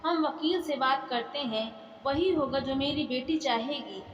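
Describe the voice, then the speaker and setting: A gentle middle-aged mother who talks in a calm, soothing way, voiced by a woman telling the story. Her voice sits high. It echoes in a reverberant room. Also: a little slow, dull audio.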